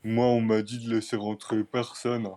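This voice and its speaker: A man's voice: lowish voice, level tone, moderate pace, dark tone, close to an everyday voice. A man voicing a dull-witted, obstinate bouncer in a tabletop game, hesitant as he refuses entry. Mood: dim refusal. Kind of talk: tabletop role-play.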